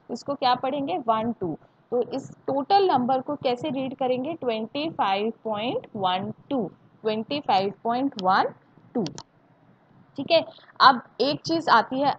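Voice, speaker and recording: A woman with an Indian accent teaching a maths class online, repeating each point and asking students questions to check they follow. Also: high-pitched. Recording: dull lo-fi audio with faint hiss.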